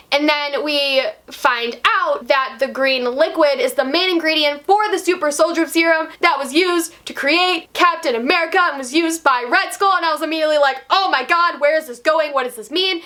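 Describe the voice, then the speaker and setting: A woman vlogger reviewing a TV episode, gushing and excitable with quick asides. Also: high-pitched. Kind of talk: enthusiastic fan review.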